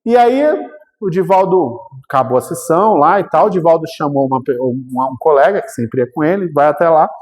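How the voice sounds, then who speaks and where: A man with a Brazilian Portuguese accent, a guest speaker telling a story in a spiritual talk. He tells it in a lively way, acts out the quotes and keeps checking in with the listeners. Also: fairly high pitch, fairly quick. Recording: long hall reverb.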